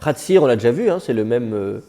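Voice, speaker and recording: A man's voice: medium pitch, expressive, fast talker, mellow. A man teaching biblical Hebrew to a class, with a conversational, digressive manner and joking asides. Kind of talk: classroom lecture.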